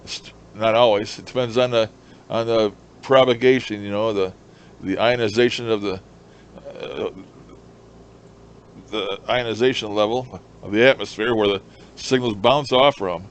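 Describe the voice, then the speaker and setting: This amateur radio hobbyist speaks at a moderate pace in a fairly low voice. His demonstration is relaxed and unscripted, full of explanations and repetition, captured clearly over constant background noise.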